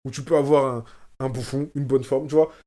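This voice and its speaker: This guest, a rapper from France who lives in Oslo, chats casually and drives his points home by repeating phrases. He speaks fairly quickly in a mellow, mid-range voice with fairly even intonation.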